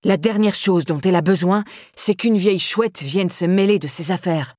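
A domineering, menacing man, as a woman reading a novel puts him on. The voice sits low and husky, and every line comes out brusque and threatening. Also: moderate pace, darkish tone, no echo, studio quality, lightly acted. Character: imposing, menacing middle-aged man, domineering.

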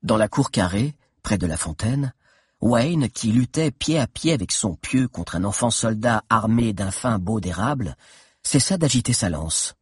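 A man reading a children's adventure novel aloud in a steady, dramatic narration with tense pauses. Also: on the low side, slightly rough, no room sound, studio quality. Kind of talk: audiobook narration.

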